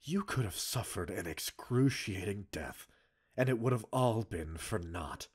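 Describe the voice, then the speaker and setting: Angry yet wounded concern colors this expressive ASMR roleplay, where a male actor plays a cold, stern commander reprimanding a subordinate. He speaks in deep, raspy, formal, measured phrases that swing widely between low restraint and forceful emphasis.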